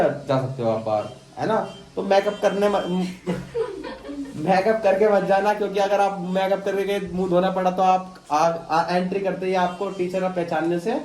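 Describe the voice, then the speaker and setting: A man's voice: high voice, a little mellow. A young man, a math teacher, giving his class a casual, encouraging pep talk before their exam. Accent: Delhi Hindi. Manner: encouraging, conversational. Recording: roomy classroom echo.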